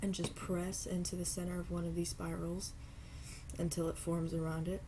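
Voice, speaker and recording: Working at her craft table at home, a woman whose low voice is congested by a cold leads an easygoing, step-by-step lesson on making earrings. She never hurries, now and then offers an apology, and a gentle background hiss is audible.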